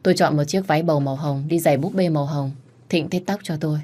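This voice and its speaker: Low-voiced woman reading a romance story. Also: quick pace. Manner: expressive first-person storytelling. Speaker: audiobook narrator.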